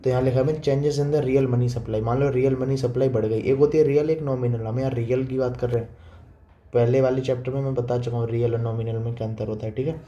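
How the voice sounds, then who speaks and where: Young male teacher, warm low-key tone, brisk informal lecturing that keeps checking students follow. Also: steady tone, highs cut off. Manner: repetitive, checks understanding with frequent 'theek hai'; quick, informal teaching tone, addresses students as 'beta'. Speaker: economics teacher. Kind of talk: classroom lecture explaining diagrams.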